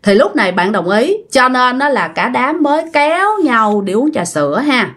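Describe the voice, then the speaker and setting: A woman's voice: on the high side, big pitch swings, moderate pace, a bit bright. A woman with a Southern Vietnamese accent casually retelling a ghost story, chatting directly to her listeners.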